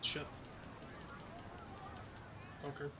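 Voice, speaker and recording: A man's voice: extremely slow, very noisy. A man chatting casually to himself as he plays and comments on his own game. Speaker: video game player commenting on own play. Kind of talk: casual gaming chat.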